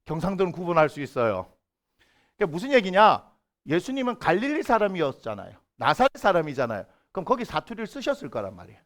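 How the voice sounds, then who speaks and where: A middle-aged male pastor preaches a sermon with a very high, lively voice. He keeps asking the congregation questions and briefly slips into the voices of the people he quotes. The talk rises and falls across a wide range. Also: quick pace. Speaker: senior pastor. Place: church sanctuary.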